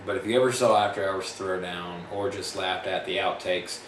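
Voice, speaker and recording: A man with a fairly low voice chats through a casual vlog about his film projects, rambling and self-correcting in a plain-spoken way. He sits back from the camera's own mic, so the sound is roomy and echoey. A steady hiss of noise runs under his voice. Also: normal speed, distant mic. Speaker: independent filmmaker.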